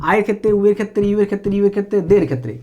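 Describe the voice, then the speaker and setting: A woman's voice: mid-range voice, rapid-fire, warm tone, dull audio. A woman teaching a spoken English lesson, explaining patiently and stopping often to check that her students follow.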